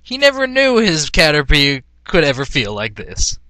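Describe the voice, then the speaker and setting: With a fairly high, bright and forceful voice whose pitch swoops wildly, a man reads fan fiction aloud at normal speed. He's an amateur going for mock drama, clearly amused and prone to bursting out laughing. The recording is dry.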